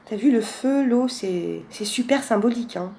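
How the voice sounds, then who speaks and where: A woman's voice: a little high, normal speed, creaky, dark tone, slight background noise. A woman casually presenting a card deck in a vlog, chatty, with many fillers and frequent laughs. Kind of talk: casual chat.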